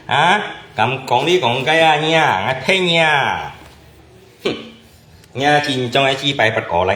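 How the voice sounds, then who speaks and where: A man's voice: medium pitch, pushed and bright. A man from Indonesia chatting casually as a channel host, often asking back with short questions. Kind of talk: casual chat. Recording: roomy echo.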